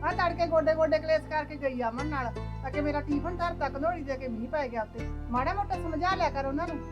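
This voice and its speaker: A high, rapid voice of a sharp-tongued Punjabi mother-in-law, played by a woman. She scolds fast and loud in a village family drama, with faint music underneath. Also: lo-fi sound, lightly acted. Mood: grumbling.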